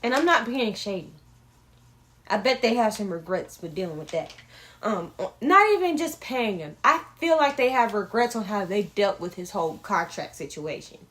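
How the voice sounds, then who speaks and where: A woman's voice: medium pitch, lively intonation, moderate pace, fairly bright tone. A young woman hosting a casual sports show, talking bluntly and swearing often as she gives her opinions. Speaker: sports podcast host.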